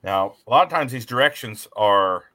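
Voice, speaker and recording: A man with a fairly low, bright voice works as a tractor pull announcer on a casual live show. His delivery is folksy and conversational, with a forceful edge. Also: expressive, normal speed.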